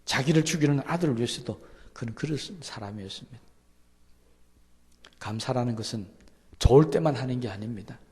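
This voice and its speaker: A man's voice: animated, fairly quick, pauses often. Male pastor, sermon delivery, mid-range voice, big dynamic swings, rhetorical questions, long church reverb. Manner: swings from loud emphatic peaks to soft low asides; asks the congregation many rhetorical questions. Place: church sanctuary.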